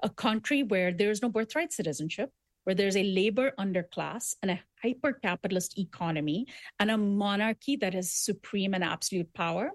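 Born in Dubai, this woman appears as a guest author in a conversational interview, her mid-range voice moving fairly quickly in a dry recording. She is earnest and emphatic, building her arguments through repetition and often restarting her sentences.

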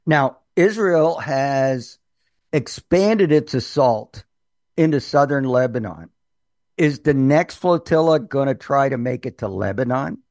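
Slow-talking male interviewer, dry sound. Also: medium pitch, darkish tone, no echo. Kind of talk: interview questions.

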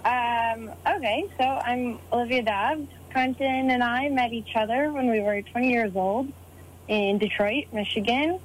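Thirties woman, calm measured answers, a bit high, faint background noise. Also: rough recording. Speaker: guest. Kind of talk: casual interview answers.

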